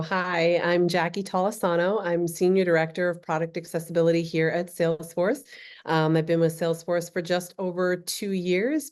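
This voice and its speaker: Guest woman, low and flat delivery, steady with lots of um fillers. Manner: measured, frequent ums. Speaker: accessibility director, guest. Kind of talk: conversational interview answers.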